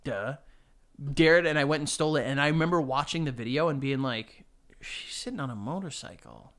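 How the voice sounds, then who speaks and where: A man's voice: on the high side, expressive, brisk, fairly bright tone. Young man rambling crude podcast banter. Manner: rambling, crude, laughing asides. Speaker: podcast co-host. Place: small studio set with desk. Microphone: desk-mounted podcast mic, headphones.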